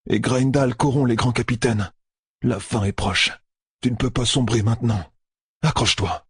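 A man voicing a young man's own inner voice, hushed and urging him on, in an audiobook. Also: medium pitch, steady tone, moderate pace, breathy edge, no room sound, clean studio sound, pitched above the performer's own voice.

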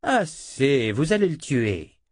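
A man's voice: medium pitch, very animated, slow, no echo, studio quality, voice pushed up. A man doing a cold, commanding woman captor. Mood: firm.

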